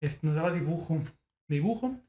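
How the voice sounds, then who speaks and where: A young man with a Mexican Spanish accent telling a school story in casual chat, joking and animated, with lots of slang. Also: on the high side, normal speed. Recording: echoey room, faint background hum.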